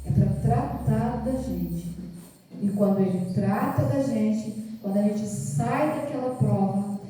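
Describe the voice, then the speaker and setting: A woman's voice: mid-range voice, takes it slowly, warm tone, slight background noise. A woman preaching a sermon, telling a personal testimony in an earnest storytelling manner and repeating her phrases. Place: large echoing church hall. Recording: echoey church from far off.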